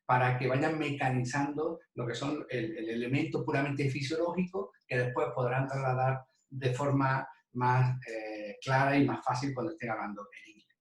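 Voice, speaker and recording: A man's voice: mid-range voice, normal speed, few pauses. A man lecturing teachers on English pronunciation, explaining step by step with frequent restarts. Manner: explanatory, with many restarts and repeated "de". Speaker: university lecturer in English phonetics. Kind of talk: recorded teacher-training talk. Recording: echoey room, mic at a distance.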